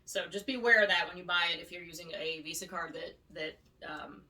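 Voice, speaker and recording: Casual woman vlogger, lowish voice, chatty and rambling; recorded at home from a distance. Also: fast, sharp tone. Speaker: vlogger reviewing luggage. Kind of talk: casual unboxing review. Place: home room. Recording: distant mic, faint noise.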